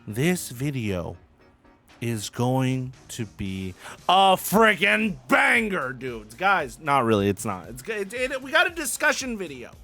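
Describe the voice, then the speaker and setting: A man's voice: mid-range voice, big pitch swings, slow, sharp tone, soft background music. A young man hosting casual gaming commentary, hyped and playful, full of slang and repeated phrases. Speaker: gaming YouTuber host.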